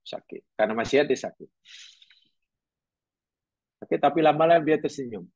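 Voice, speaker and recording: A man's voice: on the high side, fairly quick, a little mellow, breathy edge, no echo. A middle-aged man teaching a religious class, talking conversationally, asking his listeners questions and telling stories. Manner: conversational, questioning the audience, storytelling.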